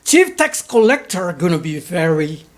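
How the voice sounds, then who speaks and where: A woman preaching a sermon in short, halting phrases and pausing for her interpreter. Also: lowish voice, very animated.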